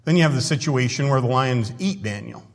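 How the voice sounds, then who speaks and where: A man preaching a sermon in a conversational way who often clears his throat, in a church hall. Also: mid-range voice, expressive, fairly quick. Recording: long hall reverb.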